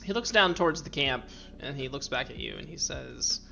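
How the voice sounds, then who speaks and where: Chill guy running a tabletop game, gravelly voice, lo-fi sound w faint music. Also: mid-range voice, expressive, moderate pace, pushed and bright. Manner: laid-back, laughs easily. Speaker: game master.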